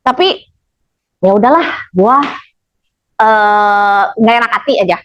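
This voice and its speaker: A woman's voice: mid-range voice, expressive, slow pace, muffled recording, slight background noise. A woman telling a story to a group in casual with a tinge, blunt and chatty, acting out what people said and laughing along. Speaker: storyteller addressing an audience.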